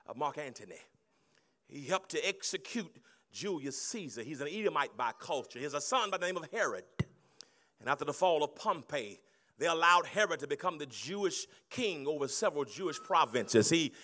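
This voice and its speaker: Holding a handheld mic in a big banquet hall, a middle-aged pastor delivers a sermon, swinging from quiet storytelling to loud shouts. His pitch is fairly high.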